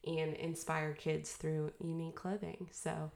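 A woman with a low-pitched voice chats casually as a podcast co-host, breaking into giggles now and then. Her voice rings around an echoey room. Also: flat delivery, a little slow, vocal fry, a little mellow. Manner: giggly, laughs often between phrases. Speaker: podcast co-host and brand founder.

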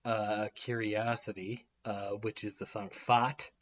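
A man's voice: fairly low pitch, level tone, a little slow, dull audio. A man co-hosting a podcast in casual chat, rambling with frequent restarts and laughing often. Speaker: podcast co-host.

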